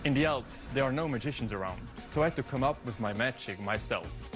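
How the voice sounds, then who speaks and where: On a television studio stage with a live crowd, a Swiss man plays a magician doing dry, tongue-in-cheek scripted patter for the judges. His mid-range voice is lively in intonation and brisk, with the audience and music audible.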